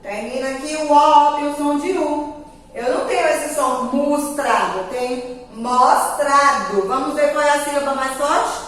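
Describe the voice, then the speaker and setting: A woman's voice: high-pitched, fairly even intonation, moderate pace. A woman with a Brazilian Portuguese accent teaching a grammar lesson to young children, stretching her words out in a sing-song way. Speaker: primary school teacher. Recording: echoey room, voice from a distance.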